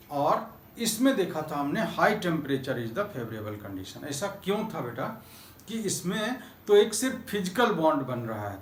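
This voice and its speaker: Echoey Hindi-accented male chemistry teacher. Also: fairly high pitch. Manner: calls students "beta", asks and answers own questions; mixes English terms into Hindi. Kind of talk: classroom lecture. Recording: echoey classroom with faint noise.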